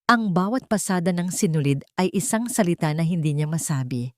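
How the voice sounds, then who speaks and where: A woman reads a dramatic love story aloud in a steady, dramatic manner from a script. Her voice sits low, and the sound is dry and close. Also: brisk, dry recording. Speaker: story narrator.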